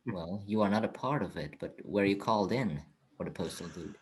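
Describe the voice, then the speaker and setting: Guy hosting a podcast, hesitant questions, low husky voice. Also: lively intonation, fairly quick. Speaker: podcast host. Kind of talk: interview questions.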